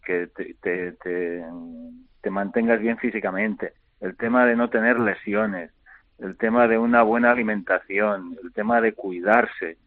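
A middle-aged man, a retired basketball player, answering interview questions by phone in a halting way, repeating words and filling pauses. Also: lowish voice, steady tone, dry recording. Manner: halting, repeats words often, many fillers. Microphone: telephone. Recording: tinny phone line.

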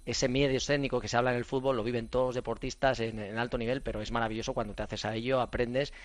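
A man's voice: medium pitch, quick pace, dry recording. Middle-aged spanish guy, ex runner coach, rambling chatty stories, dry close sound. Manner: chatty, animated storyteller with many fillers and restarts. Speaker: running coach and former athlete guest. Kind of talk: casual radio chat.

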